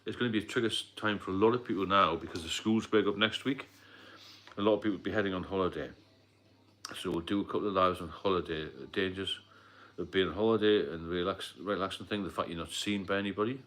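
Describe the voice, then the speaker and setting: A middle-aged man with a British accent speaks low, fast and a bit bright, keeping a steady tone. He hosts a rambling, casual live stream on staying sober as a sobriety mentor, coughing and using fillers frequently.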